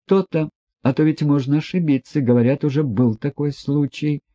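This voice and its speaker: A man voicing a calm, ironic gentleman who asks mock-polite, needling questions, on a dull, dry recording. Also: fairly high pitch, moderate pace, no room sound, voice pushed up, close to an everyday voice.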